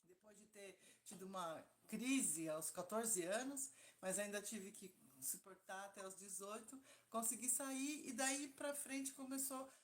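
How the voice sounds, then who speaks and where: A woman therapist from São Paulo, tells her own story openly in a casual chat. Her voice is mid-pitched. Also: unhurried, few pauses. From São Paulo, Brazil. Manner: candid, personal storytelling.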